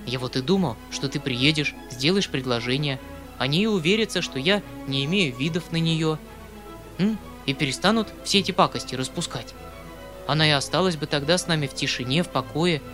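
An emotional, soft-hearted old uncle who pleads and exclaims, as a male audiobook reader puts him on. The voice sits a little high, and faint music plays under the reading. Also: fairly quick, lightly acted. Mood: heartfelt. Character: emotional kindly older male uncle, anxious.

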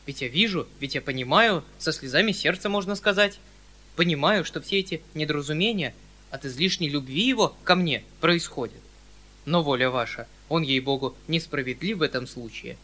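Flustered, pleading landowner uncle, high and bright, declaiming, read by a male narrator. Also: moderate pace.

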